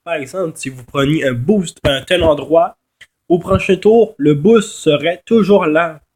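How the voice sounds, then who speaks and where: A high-pitched man with a Québécois accent talks through a casual game tutorial at a slow pace. His nose is stuffed with a cold, so he sounds nasal. He speaks haltingly, often doubling back to correct his words. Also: darkish tone, slightly rough. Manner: halting, repeats and corrects himself. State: congested with a head cold. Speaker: gaming video host.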